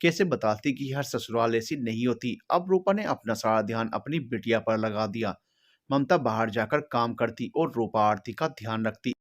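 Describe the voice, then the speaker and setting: Male narrator, solemn and steady, reads a sad family story. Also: medium pitch, moderate pace.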